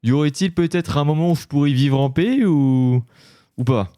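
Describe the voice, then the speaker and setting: A man giving loud, jumpy commentary while playing a horror Minecraft mod, yelping when startled and swearing at the monsters. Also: fairly high pitch, moderate pace, dry recording. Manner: talks to the game monsters. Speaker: gaming YouTuber. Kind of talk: live Minecraft let's-play commentary.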